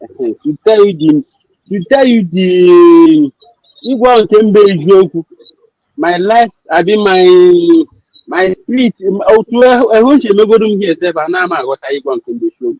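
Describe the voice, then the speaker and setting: High-voiced Nigerian man on lo-fi call. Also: expressive, moderate pace, no room sound. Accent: Nigerian Igbo. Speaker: caller, addressed as coach. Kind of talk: impassioned call-in talk. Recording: dull, lo-fi, dry call audio.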